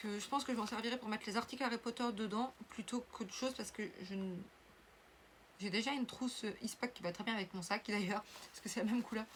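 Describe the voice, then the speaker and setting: A woman's voice: on the high side, a bit bright, slight background noise. A young woman chatting casually through an unboxing video, rambling with lots of fillers and restarts. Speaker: unboxing vlogger.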